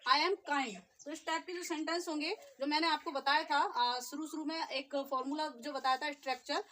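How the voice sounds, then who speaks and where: Woman teacher, high voice, patient step-by-step explaining, faint background noise. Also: fairly even intonation, pushed and bright. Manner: explains step by step, repeats phrases slowly. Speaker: English teacher. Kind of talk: spoken English lesson.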